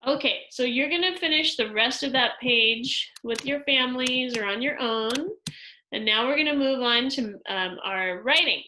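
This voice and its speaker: A woman teacher walking second graders through a worksheet in a slow, patient lesson, explaining each step aloud. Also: high voice, sharp tone, rough recording. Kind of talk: instructional screen-recorded lesson.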